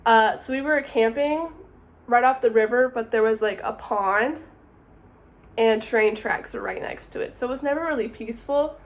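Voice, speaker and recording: A twenty-year-old woman narrates her summer in a chatty, upbeat vlog voice-over, often saying "super." Her voice is fairly high and her pace normal.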